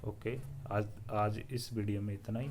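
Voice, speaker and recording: A man teaching the alphabet in a slow classroom style, sounding out letters one by one and asking listeners to repeat after him. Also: fairly low pitch, level tone, background noise. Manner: drills letters aloud and asks viewers to repeat; often says "theek hai ji" as a filler. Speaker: Hindi teacher.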